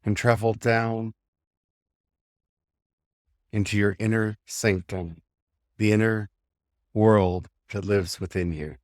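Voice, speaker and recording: Very slowly and in a steady tone, a man with a lowish voice guides a meditation, offering gentle instructions in short phrases with space between them. The sound is close and dry, with little room echo.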